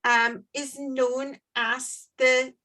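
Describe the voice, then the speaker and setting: A woman's voice: high-pitched, level tone, drawn-out words, pushed and bright. A Scottish woman co-hosting a podcast, chatting casually and laughing as she shares stories. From Scotland. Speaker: podcast co-host. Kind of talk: casual chat.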